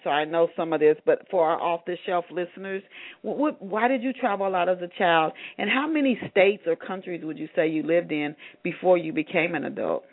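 A man hosting an interview show who sounds enthusiastic and often stammers over his first words. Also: high-pitched. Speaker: radio show host. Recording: tinny phone-line sound.

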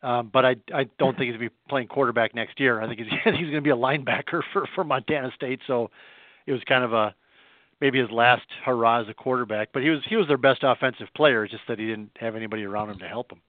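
A man's voice: medium pitch, no room sound. A man in his fifties, a sports writer, talking plainly and unhurriedly as a guest heard over a phone line. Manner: plainspoken, unhurried, thinks aloud. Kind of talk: casual phone interview. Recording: tinny dry phone line.

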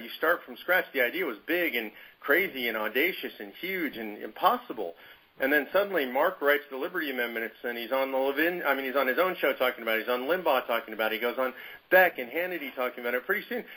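A man's voice: mid-range voice, animated, fast, bright, forceful tone, slightly rough, low-quality recording. A man telling a personal story to his movement's leaders on a conference call, in a conversational, emphatic way. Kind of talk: storytelling anecdote.

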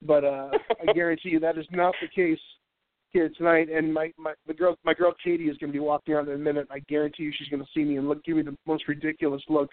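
Fast and with few pauses, this stuffy-nosed radio host from New Hampshire talks in a fairly high, flat voice, rambling and stammering in a jokey way as he breathes through his mouth. A thin mic curled near his face gives a thin, phone-like line with no room sound.

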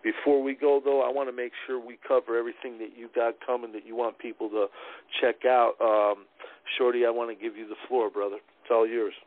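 A man hosting a call-in show who praises his guest in a steady, even way with some fillers. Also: medium pitch, a little fast, narrow, tinny audio. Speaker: host. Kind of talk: radio show interview.

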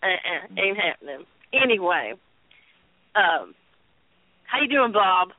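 A woman's voice: medium pitch, very animated, slow, no room sound. A woman co-hosting a radio show with casual, teasing banter. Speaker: show co-host. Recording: thin phone-like line.

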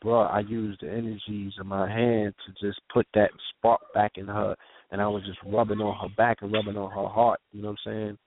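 Speaking in street slang and repeatedly asking "you know what I'm saying," a man vividly and intensely recounts something he witnessed, as a guest sharing his own story. His voice is lowish and flat, his pace brisk, and the tinny, dry phone line carries slight background noise.

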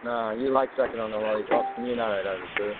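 A man's voice: fairly low pitch, fast talker. A man cutting a combative wrestling promo, taunting and challenging in short, repeated demands over a phone call. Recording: noisy, hissy, tinny phone line.

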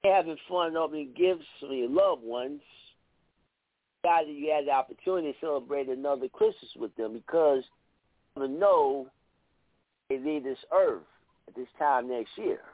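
A man's voice: a little high, expressive, normal speed, long pauses, no echo. A man of about fifty calling in to a radio show over a phone line, earnestly reciting a poem and then chatting with restarts. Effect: heard over a phone line on a radio call-in show. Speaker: radio show caller and poet. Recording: tinny phone line, dry.

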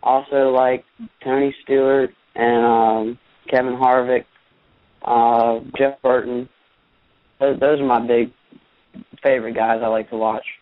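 A young man from Richmond, Virginia calls in to a radio show, heard over a thin, phone-like line with a dry sound. He talks easily and plainly and sometimes repeats a word as he gets going. His pitch is middling for a man. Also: flat delivery, measured pace, long pauses, no room sound. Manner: easygoing, plainspoken, repeats words when starting. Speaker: race car driver guest. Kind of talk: casual phone interview.

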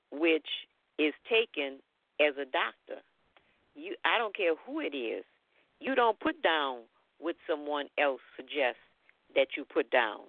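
A woman calling in to a talk show over a landline phone, giving measured, earnest opinions. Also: sits low, no echo. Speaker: caller. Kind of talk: call-in talk radio. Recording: tinny dry phone line.

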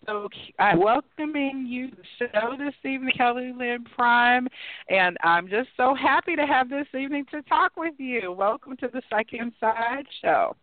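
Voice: sits high, animated, normal speed, no echo. Host on a choppy, cutting-out online line. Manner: warm welcoming, promotional. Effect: audio cutting in and out over a weak connection. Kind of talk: online talk show hosting. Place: traveling, on Wi-Fi. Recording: choppy thin phone-like online call.

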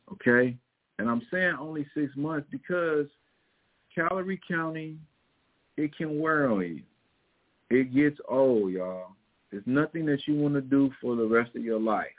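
A man with a Missouri twang giving casual, motivational coaching advice in a folksy, emphatic way, repeating his key points. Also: mid-range voice. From Missouri, United States. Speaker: fitness and weight loss coach. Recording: thin phone-like audio.

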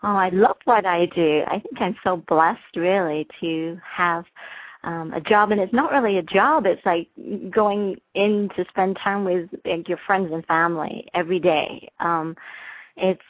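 A woman with a lowish voice speaks earnestly and warmly, pausing often with ums as she answers. The sound is dry and narrow, like a phone line. She is a doctor from England talking as an interview guest. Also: no echo. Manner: warm, earnest, many ums and restarts. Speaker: family physician, guest. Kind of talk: casual interview talk.

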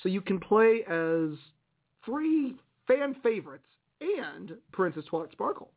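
High-voiced man chatting on tinny radio. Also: sing-song, measured pace. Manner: chatty, musing aloud. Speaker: radio show host. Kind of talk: casual news commentary. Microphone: internet radio broadcast. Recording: tinny, phone-like internet radio sound.

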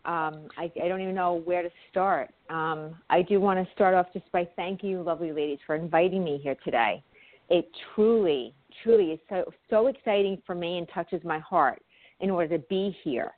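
A New York woman talks quickly and sincerely as an interview guest, dropping in the occasional um. Her voice is close and dry with no room sound. It comes through a narrow, phone-like line. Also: on the low side, no room sound. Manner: quick, heartfelt talk with ums. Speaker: guest, animal communicator. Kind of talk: casual interview chat.

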